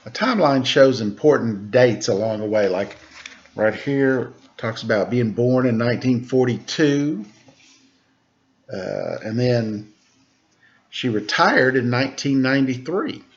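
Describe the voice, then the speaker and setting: A man who teaches children reads a rhyming picture book aloud with a steady rhythm, then chats casually about it. His voice is mid-range and his pace measured, though the recording is muffled.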